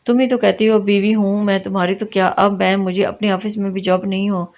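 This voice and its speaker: A woman's voice: medium pitch, flat delivery, a little fast, a little mellow, lightly acted. A woman voicing a bold, defiant young heroine who speaks with confident teasing.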